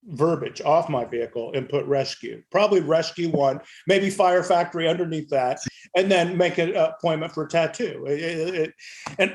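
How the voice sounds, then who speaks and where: Man, slightly high voice, blunt and salty, joking, casual panel discussion. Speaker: fire service podcast panelist.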